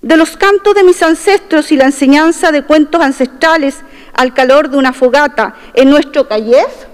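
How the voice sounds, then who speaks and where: A middle-aged woman, a constitutional convention delegate, delivers a formal opening speech at a moderate pace, partly reading it into a podium desk microphone. Her high voice is earnest and proud, stressing key phrases, and a long reverb from the large wood-panelled chamber surrounds it.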